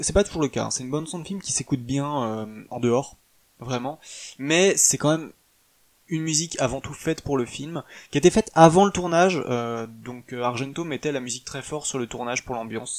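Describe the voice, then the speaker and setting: A man casually reviewing a film, talking hesitantly with many pauses and restarts. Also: medium pitch, gravelly.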